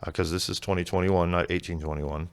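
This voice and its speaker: A man with a very low voice and a gravelly edge explains things in a relaxed, unhurried way. His tone stays smooth and clear underneath the grit. He sounds like a guest talking easily in a podcast interview. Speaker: museum executive director and Native dancer. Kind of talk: casual interview talk.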